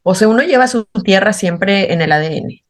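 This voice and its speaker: A woman's voice: medium pitch, normal speed. Effusive Nicaraguan woman author. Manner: effusive and expressive. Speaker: guest author. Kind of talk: casual interview chat.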